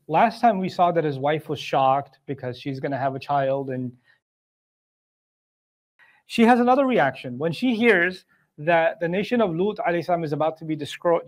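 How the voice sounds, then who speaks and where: A man giving a Quran commentary lesson, reciting Arabic verses and explaining them in English in a conversational way, with rhetorical questions. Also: a little high. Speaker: Quran teacher.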